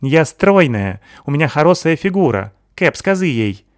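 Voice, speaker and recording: A man's voice: a little high, big pitch swings, normal speed, dry recording, studio quality, voice pushed up. A man voicing a vain, fussy young woman who lisps, swapping z for zh, and talks in a whiny, indignant way. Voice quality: lisping, says z for zh.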